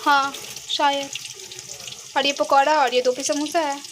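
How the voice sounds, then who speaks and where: A woman's voice: high-pitched, flat delivery, unhurried, noisy background. A young woman chatting casually to her viewers in a home vlog while cooking in her kitchen, talking to the camera. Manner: chatty, laughs while telling a story. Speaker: vlogger.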